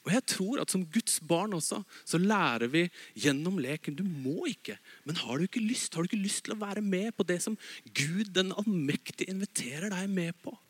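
A man with a high voice preaching a sermon in a lively way. He swings from loud emphasis down to quiet, low asides. His voice is recorded dry and close, with no room echo. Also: breathy edge.

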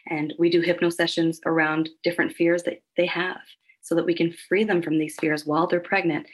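Low-voiced woman, calm and earnest. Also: slightly rough, poor audio. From Halifax, Nova Scotia, Canada. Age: adult with children. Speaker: hypnotherapist guest. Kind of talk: podcast interview.

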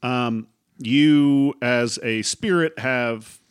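A man's voice: mid-range voice, smooth. A man improvising narration as game master of a tabletop role-playing game, often searching for his words. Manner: halting, searching for words as he describes scenes.

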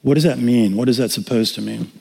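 A man in his sixties, a pastor preaching a sermon and telling personal stories with animated humor. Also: mid-range voice, fast, vocal fry, slightly rough. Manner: animated storytelling, acting out dialogue with humor. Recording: reverberant hall.

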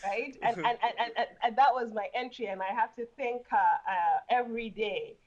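A woman's voice: a little high, normal speed, darkish tone, muffled recording. A woman from Uganda, a guest in an interview, talking casually and laughing often, with frequent repeated words.

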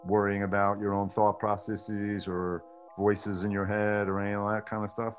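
Low-voiced man, tinny video call. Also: level tone, normal speed, a little hiss or hum. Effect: thin, tinny video-call sound. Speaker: documentarian and podcast co-host. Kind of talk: conversational investigative podcast discussion.

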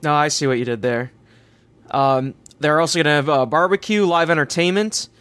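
A man co-hosting a casual chat, upbeat and quick to laugh, with frequent fillers. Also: a little high, fairly bright tone, clean tone, no room sound. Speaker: podcast co-host.

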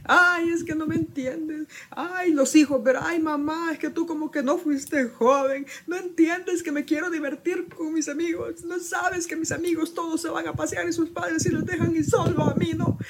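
A woman's voice: extremely high pitch, steady tone, normal speed, hardly any pauses, pitched above the performer's own voice. A woman putting on a whiny, sighing teenage girl. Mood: whining. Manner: wailing, sighing complaints.

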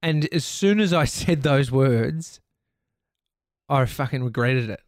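A man's voice: mid-range voice, slow pace, dry recording, clean studio sound. A man with an Australian accent hosting a podcast, telling a personal story in a candid, rambling way and swearing freely. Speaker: podcast host. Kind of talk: casual storytelling monologue.

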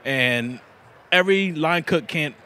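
A man's voice: fairly high pitch, lively intonation, slow pace, pushed and bright. A man in his thirties, a bladesmith being interviewed at a food festival, talking earnestly with frequent restarts. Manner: earnest, restarts often, laughs easily. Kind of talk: casual interview. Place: busy food festival, indoors.

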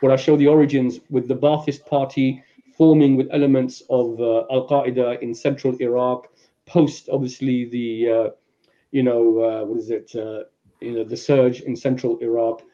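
London man, podcast guest, lecturing, mellow voice, dull lo-fi mic. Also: medium pitch. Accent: London English. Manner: animated, acts out voices in his examples, fast asides. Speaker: Islamic speaker, podcast guest. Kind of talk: lecture-style explanation in a podcast.

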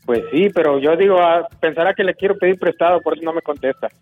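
A man phones in to a radio show. His fairly high voice comes through a thin phone line with faint music, in casual chat. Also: fast.

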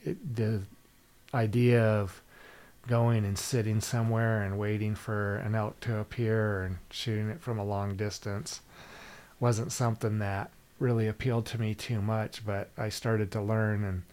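A man's voice: on the low side, flat delivery, measured pace, darkish tone. A man from Minnesota speaking as a guest in an easygoing, slightly hesitant way. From Minnesota, USA. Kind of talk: casual conversation.

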